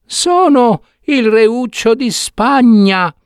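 A tiny, thin-voiced enchanted prince. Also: male voice, very high voice, animated, very slow, smooth, no echo, studio quality, voice pushed up, exaggerated voice. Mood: urgent. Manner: begging, repeating his plea. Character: tiny enchanted young prince trapped in a box, pleading.

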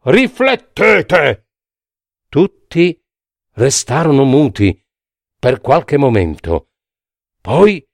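Male storybook narrator, expressive and measured, slow with a gravelly edge. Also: mid-range voice, no echo, clean studio sound.

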